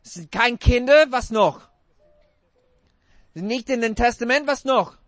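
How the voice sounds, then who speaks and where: Male preacher, very high voice, dry close sound, halting non-native German, interactive sermon. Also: expressive, a bit bright, no echo.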